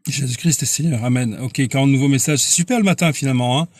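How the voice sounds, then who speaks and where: On a live stream, a man preaches casually and responds to viewers' comments, earnest and insistent, halting and repeating words. His voice is medium-pitched and a little mellow, with no echo.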